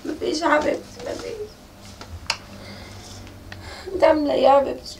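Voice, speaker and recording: A woman's voice: sits high, lively intonation, fairly quick, vocal fry, background noise. A woman playing a weary Egyptian mother. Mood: tender. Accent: Egyptian Arabic. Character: weary pleading mother, nearly blind. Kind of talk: amateur family drama. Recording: distant mic with music behind.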